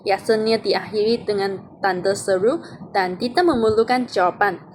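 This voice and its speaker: A woman, reading a grammar explanation aloud in a steady, methodical way. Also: medium pitch, normal speed. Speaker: student presenting an assignment.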